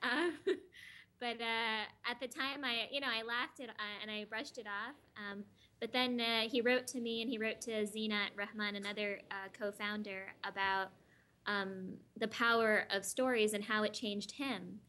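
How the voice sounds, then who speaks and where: A woman's voice: on the high side, steady tone, normal speed, pushed and bright. Young woman guest on a video call. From South Florida. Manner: chatty, laughs easily, many fillers. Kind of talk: interview over video call.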